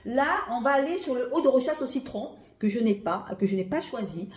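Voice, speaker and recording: A woman's voice: on the high side, animated, brisk, darkish tone. A woman giving a casual, rambling review as she thinks aloud, often repeating herself and breaking off mid-phrase. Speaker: perfume reviewer. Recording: roomy, echoey sound.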